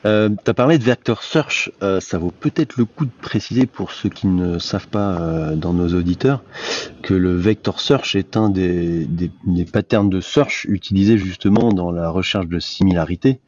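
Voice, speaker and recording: Low-voiced hesitant man hosting. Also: moderate pace, a little mellow, slight background noise. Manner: hesitant, many fillers, restarts. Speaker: podcast host. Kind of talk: casual tech discussion. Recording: dull lo-fi sound.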